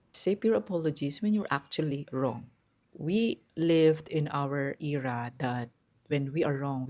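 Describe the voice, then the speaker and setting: Her voice is low, hard, and tight, with a darkish tone, enough that callers on the phone take her for a man. The middle-aged woman, a self-help vlogger in a quiet spot at home, works through a numbered countdown of life advice. Her casual talk is earnest and direct, and her phrasing is loose.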